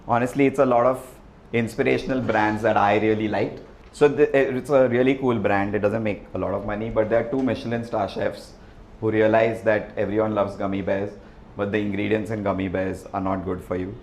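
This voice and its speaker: A man giving a relaxed, chatty presentation to an audience, often asking "right?". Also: fairly low pitch, slight background noise. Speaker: restaurant founder giving a talk. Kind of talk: presentation with slides. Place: event hall with an audience. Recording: echoey hall, faint ambience.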